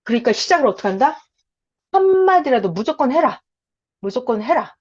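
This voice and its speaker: Woman preaching, voice jumps all over, kinda high, acts out little prayers, dull lo-fi sound. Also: a little fast. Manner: animated, acts out prayers in a bright childlike voice; repeats phrases for emphasis. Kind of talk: sermon.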